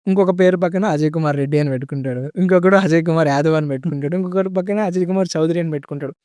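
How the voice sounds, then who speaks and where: Fast-talking young man. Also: fairly high pitch, darkish tone, no room sound. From India. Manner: chatty, says "bro" often, mixes in English words. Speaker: guest. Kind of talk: casual podcast storytelling.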